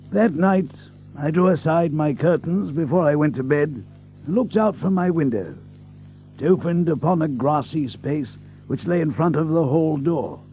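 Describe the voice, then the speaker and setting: Radio drama lead: earnest gentleman doctor, mellow and slightly high, courteous, dramatic storyteller. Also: a little hiss or hum. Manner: measured and dramatic narrating, courteous hesitant dialogue. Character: earnest, polite gentleman doctor, narrating his investigation. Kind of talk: radio drama narration and acting.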